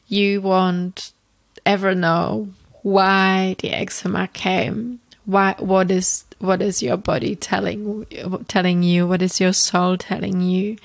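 Slow, gravelly-voiced Czech woman reflecting. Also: mid-range voice, no echo. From Czech Republic. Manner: reflective, gentle, with frequent restarts and repetitions. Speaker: podcast host. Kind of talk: personal storytelling monologue.

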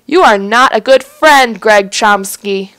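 A woman's voice: fairly high pitch, slow, a bit bright, smooth, dry recording, rough recording. A woman voicing a blunt, sarcastic young man in a life sim game. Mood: scolding.

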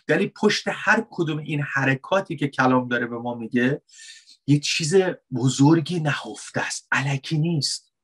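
A man preaching a conversational sermon, asking rhetorical questions and dropping into soft, wry asides. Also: a little high, breathy edge. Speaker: pastor.

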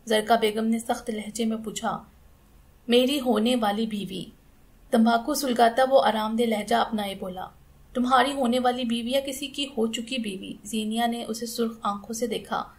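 A woman narrating a romantic novel as an audiobook, in a steady, expressive storytelling style. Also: on the high side, gravelly.

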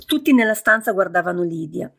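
A woman reading a novel aloud in a steady storytelling manner. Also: lowish voice, fairly quick, gravelly, breathy edge. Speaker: audiobook narrator. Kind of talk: scripted narration.

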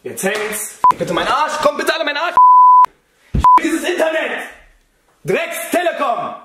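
A young man doing a live football match reaction, excitable, cursing and often shouting at the screen. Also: very high voice, a little slow, reverberant, heavy background noise.

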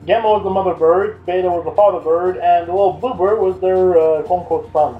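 A young man commentating gameplay in casual chat, excitable and loud, laughing often. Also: high-pitched, fairly quick, narrow, tinny audio. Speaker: let's play commentator. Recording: echoey room with faint game music. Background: faint game music.

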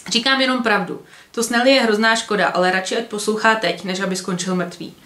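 A woman's voice: mid-range voice, fairly even intonation, fairly bright tone, close to an everyday voice. A woman voicing a grumbling old male villager who scolds in a told-you-so way. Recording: roomy echo.

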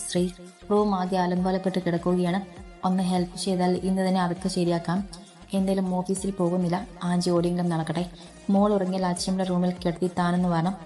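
A woman voicing a troubled young widowed man who speaks gently and apologetically in a storybook reading. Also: fairly low pitch, little pitch movement, fast, soft background music, natural voice. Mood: calm, gentle.

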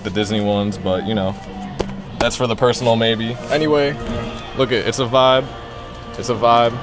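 A young man in his twenties talking casually to a handheld camera at arm's length as a vlogger, relaxed and rambling, in his car and around an event hall. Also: mid-range voice. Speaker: vlogger and vintage clothing seller. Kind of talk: casual vlog talk to camera.

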